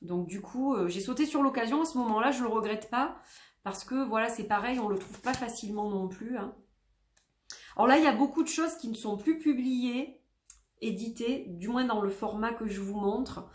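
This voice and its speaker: A woman's voice: on the high side, moderate pace. Chatty French woman in an echoey room. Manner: chatty, rambling with many fillers and self-corrections. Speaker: tarot vlogger. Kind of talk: casual chat showing tarot decks.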